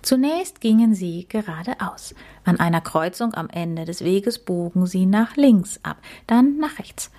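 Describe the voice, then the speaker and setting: Woman narrator for a children's story, slow pace, husky voice. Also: mid-range voice, expressive, warm tone.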